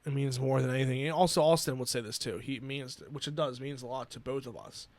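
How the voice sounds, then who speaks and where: A man in his twenties hosting a solo podcast, earnest and emotional, talking haltingly with many restarts. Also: mid-range voice, a little mellow, no room sound. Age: 20s. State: emotional, near tears. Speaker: podcast host. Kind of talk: personal solo podcast talk.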